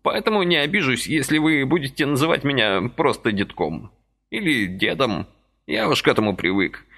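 A jittery, fussy little old man, voiced by a male reader, his voice pitched high above the reader's own and swooping all over. He sounds indignant and eager by turns, an audiobook character full of nervous energy. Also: big pitch swings, moderate pace, creaky, a bit bright, full character voice.

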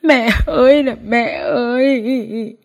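A woman reads a grieving daughter-in-law wailing over a coffin, her voice pitched far up and cracking with sobs. The lament stretches out slow and tearful. It comes from a narrated storybook. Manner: sobbing lament.

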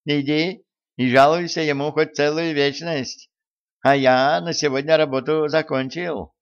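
A man's voice: on the high side, fairly even intonation, measured pace, smooth, no echo, voice pushed up. A smug petty official, put on by a male narrator, his voice lifted above the reader's own. He speaks with lazy disdain in a storybook reading on a slightly dull, lo-fi recording. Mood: disdainful. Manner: disdainful, dismissive. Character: petty, contemptuous imperial scribe, smug official.

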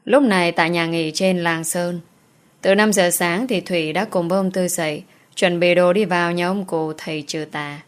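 A woman reading an audio novel in a steady voice. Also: on the low side, moderate pace. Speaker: narrator.

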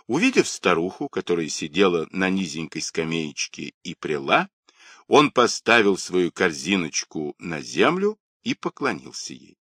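Brief: male audiobook narrator, lowish voice, lively intonation. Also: unhurried, no echo, studio quality. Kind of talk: scripted storybook narration.

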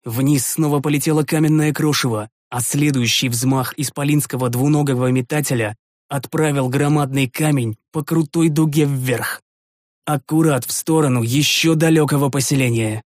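A man's voice: mid-range voice, fairly even intonation, normal speed, dry recording. A man narrating a fantasy audiobook in the first person, tense and dramatic, recorded on a studio microphone.

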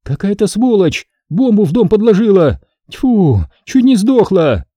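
A man reading an audiobook voices a pushy woman trader who shrieks, begs and snaps in a high, strained voice. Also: sing-song, a little slow, dark tone, slightly rough, no room sound, studio quality. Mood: snapping. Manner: shrill, pleading and bossy.

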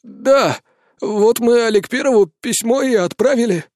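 A man's voice: very high-pitched, measured pace, darkish tone, no room sound, studio quality, pitched above the performer's own voice. A man doing a flustered old father. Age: older. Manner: rambling, simple, hesitant. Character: flustered elderly father, plain-spoken and rambling.

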